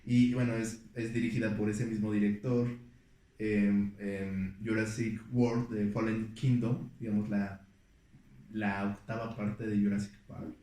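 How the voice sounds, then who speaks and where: A man's voice: lowish voice, flat delivery, measured pace, dark tone. A man tells film stories in a loose, rambling way, full of fillers and restarts. He sits back from the microphone. The room rings with heavy echo. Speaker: podcast guest. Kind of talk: casual storytelling chat. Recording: echoey room, distant mic.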